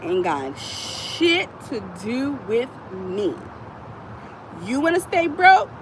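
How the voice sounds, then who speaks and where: A woman with a high voice talks straight to her phone, blunt and profane, repeating lines to drive them home. She records outdoors, and traffic and street noise run clearly under her voice. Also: slow pace. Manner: animated, repeats lines for emphasis. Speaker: vlogger. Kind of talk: casual monologue to camera.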